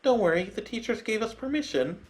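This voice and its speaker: A man playing a shy, bookish teen girl from a game in a raised, softened voice. She talks quietly and hesitantly. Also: sits high, lively intonation, brisk, faint music behind, pitched above the performer's own voice. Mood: timid. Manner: soft, hesitant.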